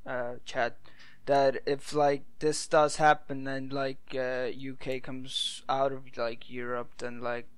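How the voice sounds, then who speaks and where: Hesitant young man, crisp and dry. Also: mid-range voice, little pitch movement, slow, few pauses, dry recording. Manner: hesitant, full of "like" and "uh". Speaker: podcast co-host. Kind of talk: casual chat.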